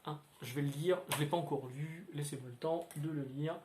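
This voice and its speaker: A man hosting a casual comics chat, rambling and filling pauses with hesitant sounds. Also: a little high, fairly even intonation, a little mellow, a little hiss or hum. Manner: rambling, many filler sounds. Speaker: comics video host. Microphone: standalone microphone. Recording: roomy echoey room.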